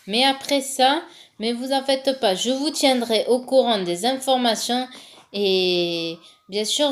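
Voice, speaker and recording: A woman hosting her own vlog, rambling and teasing her boyfriend in casual chat. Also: on the high side. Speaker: channel host.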